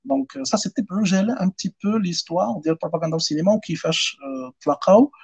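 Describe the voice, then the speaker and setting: A man with a Moroccan accent giving an informal lecture in an animated way, often switching between Arabic and French. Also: sits high, very fast, creaky, breathy edge. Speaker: guest speaker giving a talk on film history.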